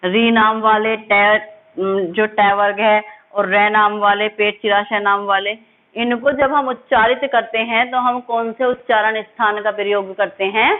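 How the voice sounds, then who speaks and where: A woman teacher giving a lesson, drilling sounds slowly and asking and answering her own questions. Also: medium pitch, steady tone. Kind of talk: classroom lesson. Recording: tinny phone-like audio.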